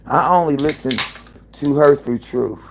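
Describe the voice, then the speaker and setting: A man in his fifties hosting a casual livestream from home, gossiping with viewers in an animated, profane way. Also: a little high, measured pace, background noise. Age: 50s. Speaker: livestream host. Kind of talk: casual live-stream chat.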